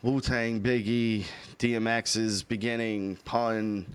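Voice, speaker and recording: A man in his thirties, hosting a casual chat, talking in an animated, profane, opinionated way. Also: fairly low pitch, slow pace, crowd noise. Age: 30s. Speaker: podcast host.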